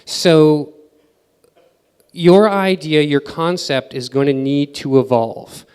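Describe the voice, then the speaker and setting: Male conference speaker, relaxed filler-laden delivery, clear voice with hall echo. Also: medium pitch. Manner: casual, filler-heavy advice with acted-out quotes. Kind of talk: conference presentation. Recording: reverberant hall.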